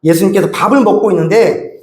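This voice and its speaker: A male pastor delivers a sermon in a high, bright voice, pressing his points with one rhetorical question after another. The sound rings around a roomy church sanctuary with a lot of echo. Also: fast talker. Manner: emphatic, with many rhetorical questions to the congregation.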